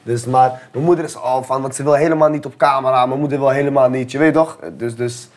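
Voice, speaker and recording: A man's voice: medium pitch, fairly even intonation, fast. Laid-back young man, slangy chat. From Netherlands. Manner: laid-back street slang, constant filler tags. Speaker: rapper guest. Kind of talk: casual interview chat.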